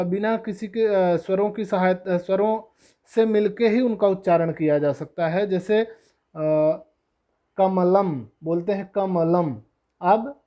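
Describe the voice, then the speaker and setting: A teacher walks through letter sounds at an unhurried, measured pace, saying each letter on its own. Questions come up and get answered right away, and English glosses sit among the terms. The pitch stays at an ordinary middle height. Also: mellow. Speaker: Sanskrit teacher. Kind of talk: classroom-style lesson explanation.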